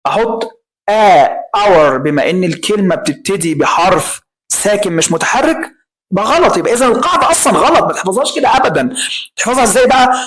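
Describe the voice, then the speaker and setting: A man speaking with an Egyptian Arabic accent teaches an English grammar lesson. He talks emphatically, fires off rhetorical questions and stretches his example words out slowly. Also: high voice, lively intonation, a bit bright, poor audio.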